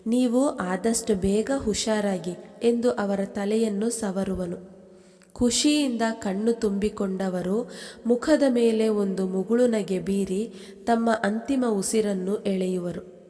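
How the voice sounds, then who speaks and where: A woman narrating a scripted romantic story in a slow, steady, dramatic reading. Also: mid-range voice. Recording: long hall reverb.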